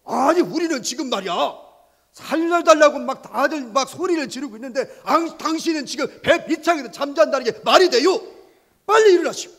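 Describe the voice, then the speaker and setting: A preacher puts on an exasperated sea captain, barking high and loud with big swoops. The figure scolds in stiff, old-fashioned orders, like a storybook told to children. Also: male voice, lively intonation, a little fast, big-room sound, exaggerated voice. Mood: exasperated scolding. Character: flustered, scolding ship captain, grown man.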